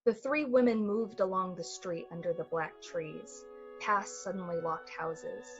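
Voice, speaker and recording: Her low-side voice moves a little slowly and is lightly acted as she narrates a suspenseful summer-night tale in 1940s radio-play style. The mood is measured suspense. Music plays under a slightly muffled recording.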